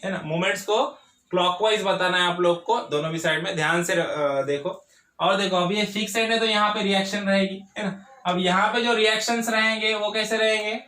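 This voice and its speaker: A man teaching engineering at a whiteboard, putting questions to his students and answering them himself. His voice sits high and rings bright. The room around him is echoey. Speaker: engineering tutor. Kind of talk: whiteboard lecture. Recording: echoey classroom.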